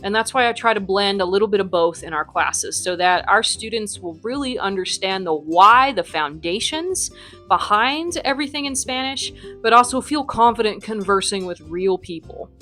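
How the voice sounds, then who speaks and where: With faint music playing behind her, a young American woman who teaches Spanish and runs her academy gives chatty interview answers loaded with ums and likes. Her mid-range voice is animated, bright and forceful, at a normal speed.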